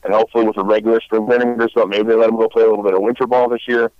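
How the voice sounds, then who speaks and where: A man's voice: fairly low pitch, level tone, very fast, no echo, muffled recording. A man hosting a baseball podcast in casual chat, rambling with many fillers and restarts. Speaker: podcast host.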